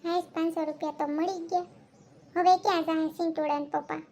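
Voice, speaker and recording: A woman voicing a sly, flattering housewife who borrows money in a cartoon, with a Kathiawadi Gujarati accent. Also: extremely high pitch, fast talker. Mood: wheedling. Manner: wheedling, flattering.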